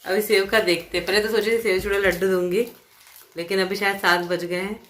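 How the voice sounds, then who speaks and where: A woman's voice: medium pitch, fairly even intonation, fairly quick, a bit bright. A woman co-hosting a family vlog at home, chatting casually about tea, cooking and chores. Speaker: vlogger, co-host. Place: living room at home.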